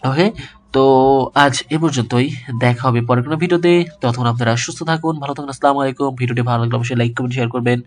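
A man's voice: mid-range voice, rapid-fire. Guy teaching english sounds, asks then repeats each word like a drill. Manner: drills words by asking and repeating them. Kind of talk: pronunciation lesson.

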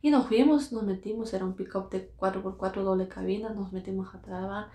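A woman at a mid pitch tells her personal story earnestly, circling back to repeat key phrases and briefly voicing the people in it. The room around her rings with a noticeable echo. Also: steady tone, brisk, dark tone. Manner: earnest, repeats phrases, acts out quoted voices. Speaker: vlogger recounting her own experience. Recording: roomy echo.

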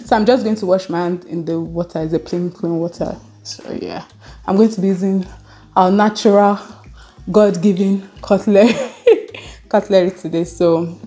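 A woman's voice: fairly low pitch, warm tone. Woman chatting over a meal. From Nigeria. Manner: chatty, laughing, eating on camera. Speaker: vlogger. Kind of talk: casual storytelling while eating.

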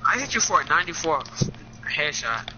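A man's voice: fairly high pitch, sing-song, brisk, sharp tone, a little hiss or hum. A man bantering cockily with his friend while they play a game together. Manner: cocky, joking banter. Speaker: gaming partner. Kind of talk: casual gameplay chat. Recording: dull lo-fi game chat audio.

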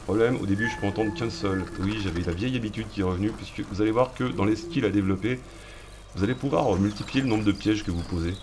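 A man's voice: on the low side, fast talker, noisy background. A man giving casual let's-play commentary as a streamer, chatty, slangy and joking as he addresses his viewers. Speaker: gaming streamer. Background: game music.

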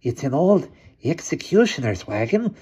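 A man's voice: medium pitch, big pitch swings, a little mellow, husky, pitched above the performer's own voice. A man doing a creepy ancient hunchback servant. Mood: sly. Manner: slow, creeping, ingratiating. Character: ancient male hunchback servant, wheedling and sly. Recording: dull lo-fi recording.

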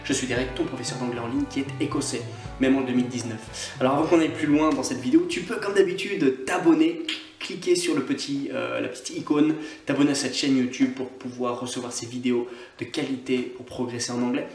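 A man's voice: medium pitch, brisk, darkish tone, reverberant, soft background music. A man from Scotland, an online English teacher, giving a chatty video lesson and drilling words by repetition. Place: on holiday, away from usual setting.

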